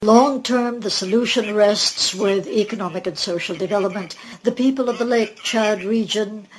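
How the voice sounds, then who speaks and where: A woman's voice: medium pitch, normal speed, slight background noise, poor audio. A woman speaking as the live interpreter voice for a formal speech, with a formal, emphatic delivery. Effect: live interpreter voice rendering a speech.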